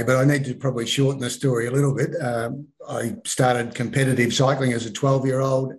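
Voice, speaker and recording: Relaxed Australian older man on a video call. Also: medium pitch, low-quality recording. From Melbourne, Australia. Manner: relaxed storyteller with frequent ums and restarts. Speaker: author guest. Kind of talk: casual interview. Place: family lounge room at home. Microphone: video call webcam.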